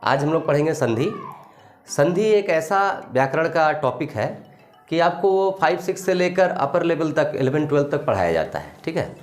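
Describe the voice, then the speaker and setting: A man's voice: on the high side, darkish tone. A man teaching a grammar lesson, explaining step by step and checking in with the class after each point. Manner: explains slowly, repeats a confirming tag often. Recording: echoey room, faint music.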